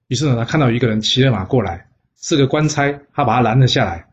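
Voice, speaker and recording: A man's voice: medium pitch, fast talker. A man telling an old legend in a casual, chatty storytelling voice, full of little fillers. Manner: lively, chatty, with frequent "呢" fillers. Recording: dull lo-fi sound.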